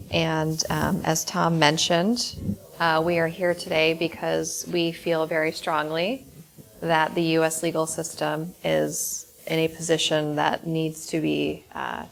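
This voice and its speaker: A woman's voice: low-pitched, level tone, measured pace, vocal fry. A woman attorney opening a presentation in an earnest, somewhat hesitant way with frequent fillers. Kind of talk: prepared presentation.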